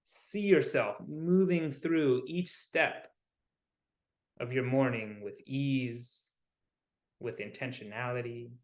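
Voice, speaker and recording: This is a guided meditation from a man who sounds like a wellness coach, set in a spacious room with noticeable echo. His mid-pitched voice stays soothing and unrushed, moving through short phrases broken by pauses.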